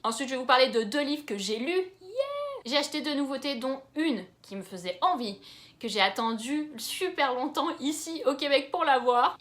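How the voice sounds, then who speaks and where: A woman's voice: high-pitched, a bit bright. A young woman from France chatting enthusiastically in a casual book haul vlog. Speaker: book YouTuber.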